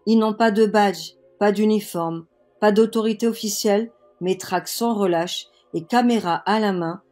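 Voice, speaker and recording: A woman's voice: mid-range voice, normal speed, a little mellow, faint music behind. A woman reading scripted news narration.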